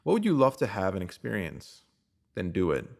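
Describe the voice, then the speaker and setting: A male narrator reads a scripted self-help text on spirituality, measured and instructive, talking straight to the listener. His voice sits low and is creaky and a little mellow, yet his pitch swoops wildly.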